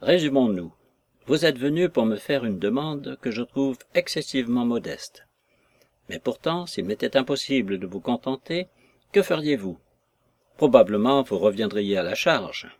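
A man's voice: medium pitch, dry recording. A man playing a cold, impassive lawyer. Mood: cold calm. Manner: calm, measured, dry.

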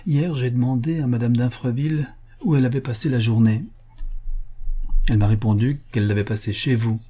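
Man doing a cold heartless husband, stern, dark husky voice. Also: medium pitch, fairly even intonation, a little fast, natural voice. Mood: accusing. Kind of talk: audiobook character reading.

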